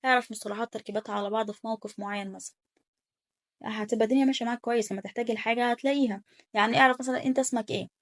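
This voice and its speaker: A young Egyptian woman teaching German, rattling along at high speed with a gravelly, fry-laced voice. She repeats words and coaches pronunciation aloud in a relaxed, chatty lesson. The recording is dry and close. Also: dry recording. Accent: Egyptian Arabic. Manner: rapid, repetitive coaching, drills pronunciation aloud. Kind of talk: casual online language lesson.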